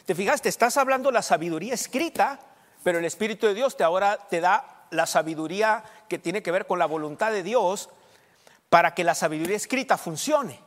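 A man preaching a sermon as pastor, emphatic, swinging between loud and soft and checking in with the congregation. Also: high voice, a little fast. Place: church. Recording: long church reverb.

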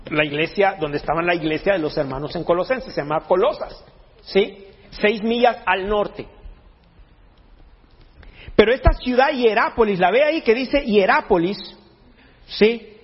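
A man preaches with a high, husky voice. He jokes and restarts phrases as he goes, and his words ring through a long hall echo on a dull, lo-fi recording. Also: unhurried, pauses often. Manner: jokey, conversational preaching with frequent restarts. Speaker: pastor. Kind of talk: sermon.

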